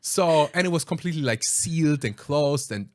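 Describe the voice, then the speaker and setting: A man hosting a podcast, telling a story in a casual, animated way, acting out quoted lines and hesitating with ums and restarts. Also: a little high, normal speed, dry recording, clean studio sound. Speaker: podcast host.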